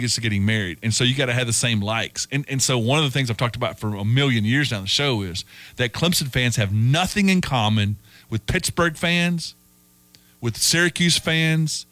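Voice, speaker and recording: A man's voice: mid-range voice, no room sound. A man hosting a sports talk show, telling stories and acting out quoted voices. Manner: animated storyteller, acts out quoted voices. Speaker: sports radio host.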